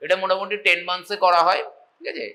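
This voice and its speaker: A man with a Bengali accent giving a medical college lecture, reading slow English lines and explaining them in Bengali, often checking whether students follow. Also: high-pitched, very animated, creaky, bright, forceful tone, rough recording. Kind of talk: classroom lecture.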